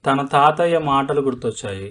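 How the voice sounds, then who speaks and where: A man's voice: medium pitch, expressive, a little fast, fairly bright tone. A man with a Telugu accent teaching a language lesson, explaining each word and repeating phrases as he dictates them. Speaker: English teacher. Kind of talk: slow step-by-step language lesson.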